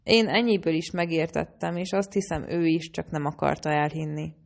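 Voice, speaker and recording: Woman audiobook narrator, first-person storytelling, deep gravelly voice. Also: fairly even intonation, a little mellow.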